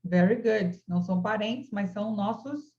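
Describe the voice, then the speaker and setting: A woman's voice: mid-range voice, normal speed, warm tone, highs cut off. A woman teaching an online English class, patiently modeling phrases for her students.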